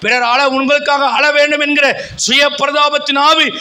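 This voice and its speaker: A man's voice: extremely high pitch, flat delivery, moderate pace, sharp tone. A middle-aged male pastor preaching a fervent sermon in a church, with repeated calls and rising emphasis. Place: church sanctuary.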